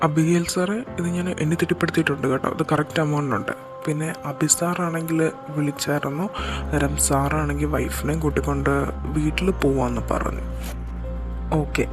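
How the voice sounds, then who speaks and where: A man's voice: on the high side, level tone, brisk, lightly acted. A man voicing a threatening male boss in a fan audio drama, speaking in a firm, clipped way with faint music underneath. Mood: cool menacing.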